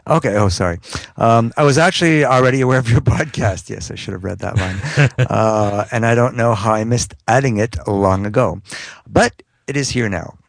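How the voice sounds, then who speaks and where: A man co-hosting a podcast, easygoing and quick to laugh. His voice has a gravelly fry to it, and the recording is dry and close. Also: medium pitch, no echo. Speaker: podcast co-host. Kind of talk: casual chat, reading listener email.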